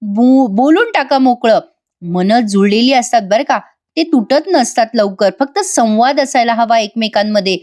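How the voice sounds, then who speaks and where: A woman voices a calm lawyer who coaxes a younger man to open up. The voice sits a little high and talks in a patient, persuasive way. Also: measured pace. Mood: coaxing. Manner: gentle, coaxing, persuasive. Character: calm older male lawyer giving advice.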